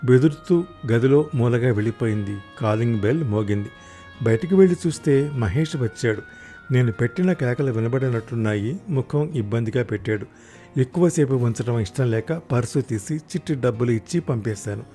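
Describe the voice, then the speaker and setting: A man narrating a first-person audio story, raising his voice loudly in the angry husband's lines. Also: medium pitch, moderate pace, faint music behind.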